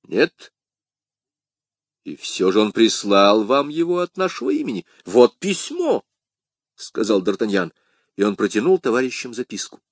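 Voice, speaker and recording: A man's voice: fairly quick, dry recording, clean studio sound. A man narrating an audiobook, acting out the characters' lines. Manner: lively, acts out characters with raised pitch. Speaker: audiobook reader. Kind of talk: scripted narration with voiced dialogue.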